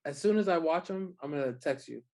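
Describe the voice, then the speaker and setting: A podcast co-host chatting casually with relaxed, short reactions and easy laughs. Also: mid-range voice, a little fast. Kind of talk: casual chat.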